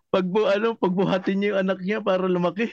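Podcast co-host, man, quick laughs, dry lo-fi sound. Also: sits high, little pitch movement, creaky, darkish tone, no echo. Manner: laughs often, short replies. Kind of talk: casual chat.

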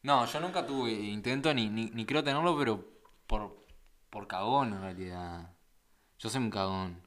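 A man's voice: fairly low pitch, unhurried, fairly bright tone. A man joking sardonically in a casual conversation. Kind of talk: casual dark-humored chat.

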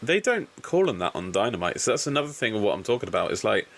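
A man's voice: fairly low pitch, big pitch swings, fast talker, vocal fry, a bit bright. A man hosting a casual podcast, recapping a wrestling show with swearing and rambling asides. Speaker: podcast host.

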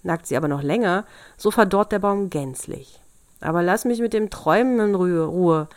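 A woman reading a fairy tale aloud, voicing the Devil as a gruff, irritable old male demon. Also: fairly low pitch, normal speed, no room sound, lightly acted. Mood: grumbling.

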